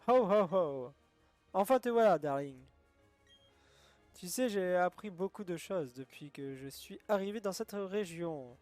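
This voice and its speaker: A man's voice: high-pitched, lively intonation, a little slow, a little mellow, dry recording, soft background music. A man voicing a flamboyant female gym leader in a game, with a put-on English accent and showy delivery. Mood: grandiose.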